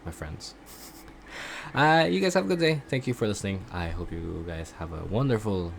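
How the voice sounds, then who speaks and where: Very deep-voiced rambling man. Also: expressive, creaky, a little hiss or hum. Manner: rambling, halting speech; self-deprecating. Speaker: voice acting student vlogger. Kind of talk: casual video diary chat.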